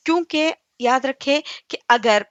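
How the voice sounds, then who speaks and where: A woman's voice: high voice, no room sound, dull audio. Patient woman teaching Quran recitation. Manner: patient, asks the class questions and answers them herself; draws out recited words very slowly and evenly. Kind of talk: online tajweed lesson.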